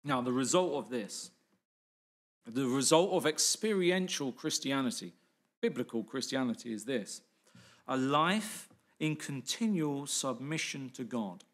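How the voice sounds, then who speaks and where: A man's voice: medium pitch, animated, unhurried. A middle-aged man preaching a sermon as pastor, earnest, asking rhetorical questions and repeating key phrases.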